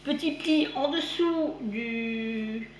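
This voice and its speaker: A woman with a somewhat high voice draws out her words and lisps slightly on her s sounds. She chats casually while hosting a vlog that reviews magazines. The room echoes noticeably, and background noise comes through clearly.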